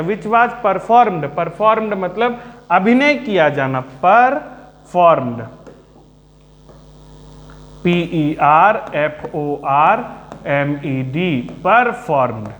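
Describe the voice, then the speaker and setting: A man teaching a literature class, speaking slowly and calmly, repeating and spelling out words for his students. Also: high voice. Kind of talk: Hindi-English literature lesson. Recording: echoey room.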